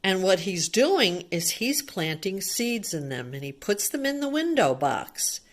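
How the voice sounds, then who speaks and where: A very animated woman with a medium-pitched voice reads a picture book to young children a little slowly. She chats, explains things simply, and keeps asking the child questions.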